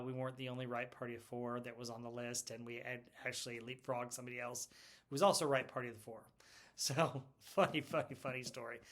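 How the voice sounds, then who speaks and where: A man's voice: medium pitch, a bit bright. A middle-aged man hosting a casual pop culture video, chatty and rambling, laughing often as he talks. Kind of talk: casual movie retrospective talk.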